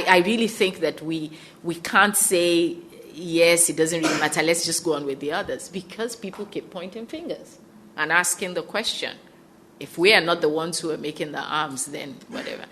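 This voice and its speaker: A woman's voice: lowish voice, moderate pace, a bit bright. A woman from West Africa speaking as a conference panelist, earnest and emphatic, often restarting her sentences. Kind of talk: panel discussion remarks. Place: conference hall.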